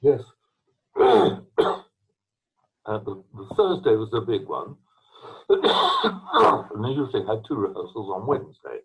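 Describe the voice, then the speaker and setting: An older man with a very husky, breathy voice recounts his life in meandering anecdotes, often pausing to clear his throat. He sounds thin and phone-like, as if heard over a video call from home. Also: lowish voice, animated. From England. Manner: rambling, halting anecdotes with restarts and throat-clearing. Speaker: retired trombonist, interviewee. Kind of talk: storytelling interview. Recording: tinny video call line.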